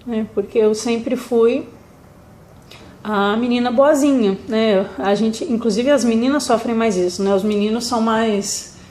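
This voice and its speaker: A young woman with a Brazilian Portuguese accent, a mother sharing parenting advice in a gentle, reflective way, with fillers and restarts. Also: on the high side, unhurried, a little hiss or hum. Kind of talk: casual talk to camera. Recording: echoey room.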